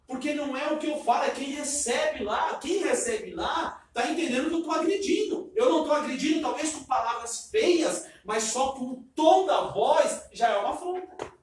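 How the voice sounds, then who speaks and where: Loud preacher in an echoing church. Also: male voice, very high voice, a little slow, slight background noise. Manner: loud, emphatic, says he speaks loudly. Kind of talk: sermon. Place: church sanctuary. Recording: echoey church hall from far off.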